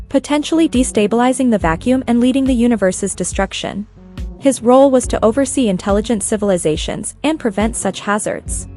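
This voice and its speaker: A woman reading a scripted story narration at a steady, even pace. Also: medium pitch.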